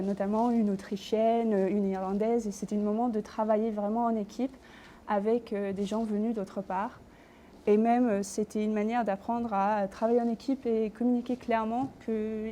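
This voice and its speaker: Young woman in an interview, kinda high mellow voice, lots of ums and restarts, faint room hum. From Australia. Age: young adult. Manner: hesitant, many fillers and self-corrections. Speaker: interview candidate. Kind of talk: admissions interview answers.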